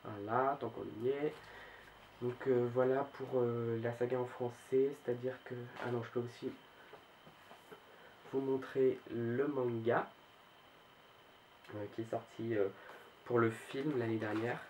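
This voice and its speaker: A man in a casual video chat about his book collection, pausing often and restarting his sentences. His voice stays level and monotone throughout, with a faint hiss of noise behind him. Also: mid-range voice, poor audio. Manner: hesitant, full of "euh" fillers and restarts. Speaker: book vlogger.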